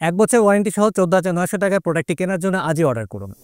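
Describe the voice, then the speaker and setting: A man's voice: sits high, big pitch swings, very fast, a little mellow, soft background music. A man reading a punchy, scripted hard-sell product advert. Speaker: advert voice-over.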